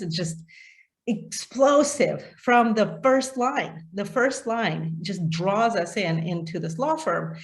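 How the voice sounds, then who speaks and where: A middle-aged woman leading an informal book discussion, enthusiastic, with many fillers and restarts. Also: fairly low pitch. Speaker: literature discussion leader.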